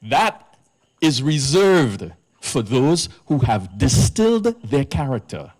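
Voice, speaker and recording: A man's voice: mid-range voice, sing-song, slow, a little mellow. A man from Trinidad, a priest giving an earnest public lecture at a live event in an arts centre, stressing his key words.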